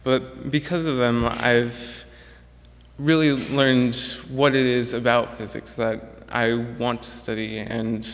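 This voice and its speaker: In an echoey hall with long reverb, a young adult graduating student gives a prepared speech, earnest and reflective with some restarts. He speaks slowly at a medium pitch and keeps a level tone.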